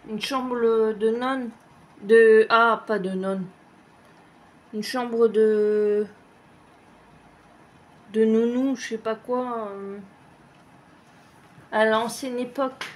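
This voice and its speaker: A woman's voice: fairly high pitch, fairly even intonation, drawn-out words, pauses often. A woman vlogger chatting casually as she answers tag questions, rambling and hesitant with lots of fillers and the odd swear word. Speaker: craft vlogger.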